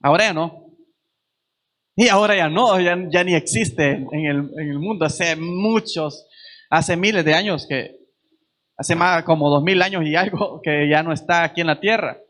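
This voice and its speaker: A man's voice: on the high side, normal speed, fairly bright tone. A man preaching a sermon at a church service, earnest and repeating phrases for emphasis.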